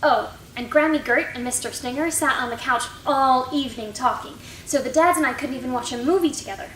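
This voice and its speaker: A high-pitched, guileless little schoolgirl played by a woman rattles on through her class report in a staged reading. The sound is distant and roomy, with faint noise. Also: fairly quick, fairly bright tone. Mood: chatty, recounting.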